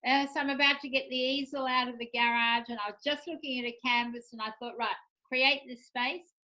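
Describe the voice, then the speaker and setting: A woman's voice: high voice, fairly even intonation, fast, pushed and bright, rough recording. A woman hosting a chat show, talking about her art in a chatty, enthusiastic way. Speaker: show host, artist. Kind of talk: casual chat.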